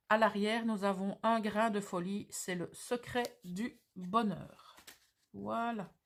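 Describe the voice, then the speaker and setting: A woman with a Belgian French accent talks through handmade craft pieces on camera. Her delivery is slow and unhurried, with many fillers as she describes each detail. Her voice sits at a middle pitch. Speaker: crafting channel host. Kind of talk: presenting craft mail on camera.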